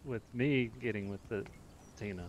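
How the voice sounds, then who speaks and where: A man's voice: lowish voice, moderate pace, a little hiss or hum, poor audio. A man chatting in character during a role-play game, hesitant and stammering.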